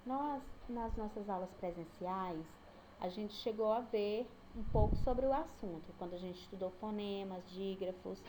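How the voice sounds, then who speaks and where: Woman, Brazilian accent, teacher, slow deliberate delivery, faint noise. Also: mid-range voice. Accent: Brazilian Portuguese. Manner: patient, slows down to sound out syllables. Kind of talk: recorded online lesson.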